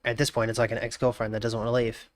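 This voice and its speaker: On a live stream, a congested twenty-something man talks fast and flat in a mid-range voice, joking casually and greeting his chat warmly. His words often fade into mumbles, with no echo on the recording.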